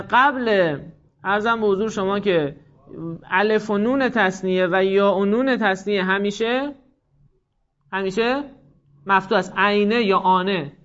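A male teacher with a high voice works through a grammar lesson. He stops often to repeat key points and question his students. The recording is dull and lo-fi. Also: a bit bright. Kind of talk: classroom lecture on grammar.

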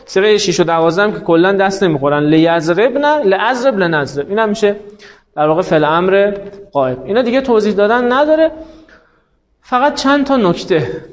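A male teacher gives a classroom lecture in a high-pitched voice. He explains each rule step by step, posing rhetorical questions and then answering them. The recording is dull and lo-fi. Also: animated.

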